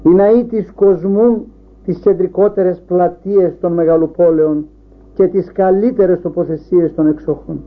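Man, preacher, Orthodox sermon, rhetorical repeated questions, high-pitched, tinny phone-like recording. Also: fairly even intonation.

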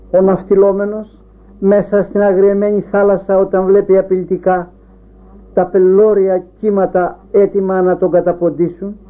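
A man preaching an Orthodox sermon, building up rhetorical questions one after another. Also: sits high. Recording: tinny phone-like sound.

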